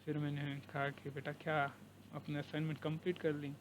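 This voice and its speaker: Earnest Pakistani man, flat steady delivery. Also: on the high side, moderate pace, background noise. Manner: earnest, conversational, mixes English words into speech. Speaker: university lecturer. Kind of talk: personal talk to camera. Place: living abroad, recording informally.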